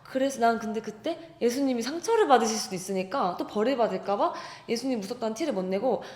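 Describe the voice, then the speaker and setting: A woman telling a personal faith story in casual chat, animated and acting out the quoted voices. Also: a little high, fast talker. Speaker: guest. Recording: echoey room.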